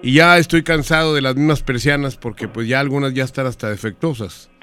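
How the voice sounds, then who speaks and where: A man's voice: mid-range voice, steady tone, bright, forceful tone, smooth, voice pushed down, natural voice. A man putting on a rambling pompous engineer. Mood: fussy. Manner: rambling, stalling with fillers, spells letters slowly. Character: pompous rambling male hotel-owner engineer, middle-aged. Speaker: prank caller. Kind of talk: radio prank call.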